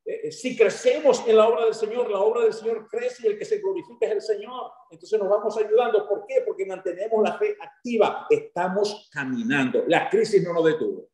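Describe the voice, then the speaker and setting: A man from Maracaibo in Venezuela with a Maracaibo accent, preaching a sermon as a guest pastor, talking fast and getting excited. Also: high-pitched, roomy sound. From Venezuela (Zulia).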